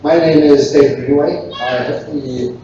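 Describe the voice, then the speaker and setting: A man speaking as a university leader, delivering a formal, deliberate podium speech at a ceremony. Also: medium pitch, steady tone, dark tone. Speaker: university vice chancellor. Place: large hall over a PA at a graduation ceremony. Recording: very echoey hall, distant, muffled, noisy.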